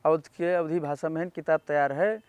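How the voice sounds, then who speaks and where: A man's voice: on the high side, fairly even intonation, moderate pace, a little mellow, smooth, dry recording. A man with an Awadhi accent hosting a TV interview, asking polite, formal questions.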